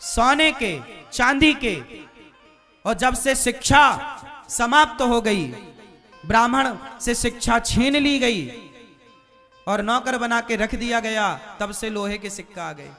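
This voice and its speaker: A man's voice: extremely high pitch, animated, slow, bright, forceful tone, faint music behind. A man preaching to a live audience, asking rhetorical questions and quizzing the crowd. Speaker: religious preacher.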